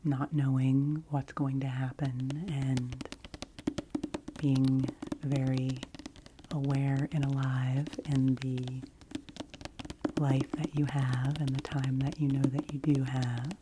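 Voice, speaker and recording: Slow, hushed library whisper from a woman. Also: very deep voice, level tone. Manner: hushed library whisper, slipping into very soft speaking. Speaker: ASMR book reviewer. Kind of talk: ASMR soft-spoken book review. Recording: noisy close recording with clicks and tapping.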